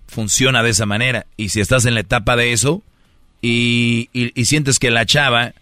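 Brash Mexican radio host, bright voice. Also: male voice, medium pitch, dry recording, studio quality. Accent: Mexican Spanish. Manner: brash, slangy, teasing. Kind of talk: call-in radio advice show. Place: radio studio.

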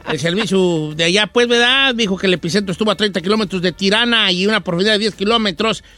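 A man's voice: high-pitched, quick pace, sharp tone. A man hosting a comic news show, reading stories and teasing his co-hosts.

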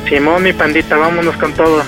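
A man's voice: fairly high pitch, little pitch movement, a little fast, over music. A man in his thirties with a Mexican accent, chatting casually and a bit hesitantly as a caller to a radio show. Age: 30s. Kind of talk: casual phone chat.

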